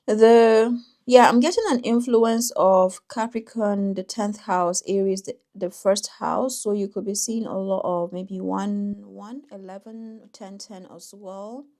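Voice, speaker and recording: A woman doing a tarot reading for viewers, talking in a thoughtful, intuitive way with frequent pauses and restarts. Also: mid-range voice, fairly even intonation, warm tone. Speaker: tarot reader.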